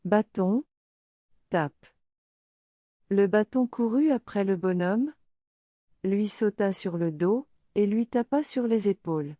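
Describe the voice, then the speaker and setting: A woman narrating a fairy tale audiobook for language learners, reading clearly and deliberately. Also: medium pitch, lively intonation, mellow, no echo, studio quality. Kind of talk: slow storybook narration for French learners.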